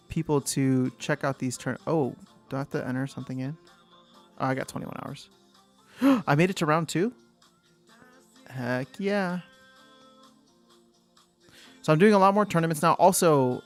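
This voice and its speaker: A young man hosting a casual livestream, thinking aloud, answering chat and trailing off mid-sentence. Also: mid-range voice. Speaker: livestream host.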